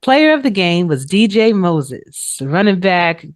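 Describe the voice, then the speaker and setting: This woman co-hosts a sports league show and also plays in it, and here she gives a casual recap in loose, colloquial language, trailing off with "you know." Her voice is on the low side and slow, with big swings in pitch. The audio is clean studio sound, yet it carries a roomy echo with music underneath.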